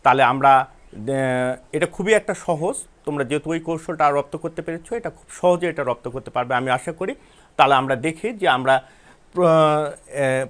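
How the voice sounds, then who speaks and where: A male English teacher from Bangladesh giving an online lesson to students, explaining step by step and spelling words out letter by letter. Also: fairly high pitch. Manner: addresses students directly, repeats himself.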